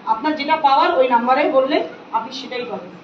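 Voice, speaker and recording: High, fast scolding woman at a gathering. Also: reverberant, recorded from a distance, highs cut off, background noise. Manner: scolding, insistent, preachy. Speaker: spiritual volunteer handing out free remedies. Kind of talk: addressing a gathering, questioning attendees.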